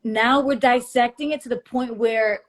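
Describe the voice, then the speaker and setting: A woman speaks as a guest in a casual video chat. She talks haltingly, with a lot of restarts and fillers, in a fairly high voice that comes through a video call. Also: fairly even intonation. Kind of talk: casual conversation.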